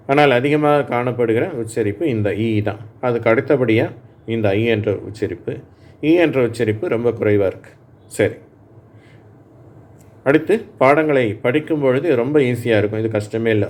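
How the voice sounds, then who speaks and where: A man teaching English reading, calling out sounds slowly and patiently for learners to repeat. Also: medium pitch, a little mellow. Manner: patient, plain explaining. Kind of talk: slow classroom phonics drill.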